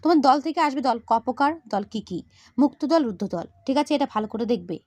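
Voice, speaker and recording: Woman, video-lesson teacher; brisk, direct delivery to students, slightly high, close dry sound. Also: lively intonation, a little mellow, no room sound. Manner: direct, addresses students, repeats "thik ache". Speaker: teacher giving exam tips.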